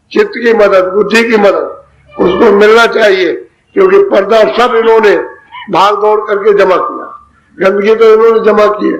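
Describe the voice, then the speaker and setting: High-voiced man giving a spiritual sermon. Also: gravelly. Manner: slow, explanatory, repeating phrases. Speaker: spiritual teacher. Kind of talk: satsang sermon. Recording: dull lo-fi recording with faint noise.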